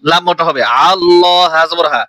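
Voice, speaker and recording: A man teaches Quran reading at a slow, deliberate pace, spelling each syllable out letter by letter. His voice sits high and sounds bright and smooth. The recording is dry and close. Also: no room sound. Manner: slow letter-by-letter spelling, then melodic chanted recitation. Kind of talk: spelling out Quran recitation lesson.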